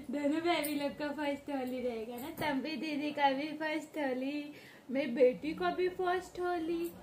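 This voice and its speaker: Young mother cooing in high sing-song. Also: a little slow, a little mellow. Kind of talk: baby talk.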